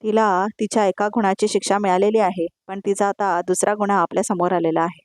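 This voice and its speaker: A woman voicing a stern, vengeful young wife who speaks coldly and deliberately, in a voice-over retelling. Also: mid-range voice, little pitch movement, darkish tone, dry recording, studio quality, natural voice.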